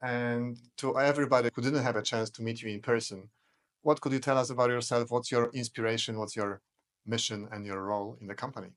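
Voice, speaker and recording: A man hosting an interview, asking brisk, direct questions. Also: medium pitch, steady tone. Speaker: interview host.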